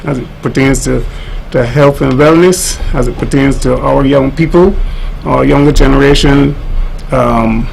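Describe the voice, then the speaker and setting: Hesitant man with creaky voice. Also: mid-range voice, unhurried, hardly any pauses, faint music behind, rough recording. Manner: hesitant, searching for phrases. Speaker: interview guest, tourism official. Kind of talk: unscripted radio interview. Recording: faint background noise.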